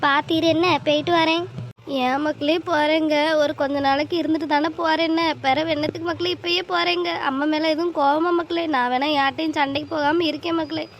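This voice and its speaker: A woman voicing a caring young mother in an animated family drama, gently reassuring her mother. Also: high voice, quick pace. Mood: soothing. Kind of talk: cartoon voice acting. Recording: faint ambient noise.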